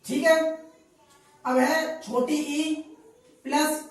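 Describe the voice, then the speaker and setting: A woman gives a grammar lesson in a classroom, repeating each point and quizzing her listeners with questions. She speaks very slowly in a high voice with fairly even intonation, captured from a distance in a very echoey room.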